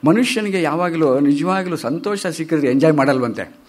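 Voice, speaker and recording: A man giving a lively storytelling lecture on poetry and humor in a lecture hall, asking the audience questions. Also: a little high, brisk. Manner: chatty and animated, asks the audience questions. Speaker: speaker at a literary talk.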